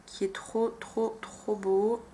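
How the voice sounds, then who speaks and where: A woman's voice: mid-range voice, flat delivery, slow pace, warm tone. A woman vlogger chatting casually and enthusiastically about her makeup purchases, with lots of fillers and hesitations. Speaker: beauty vlogger. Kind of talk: casual vlog chat.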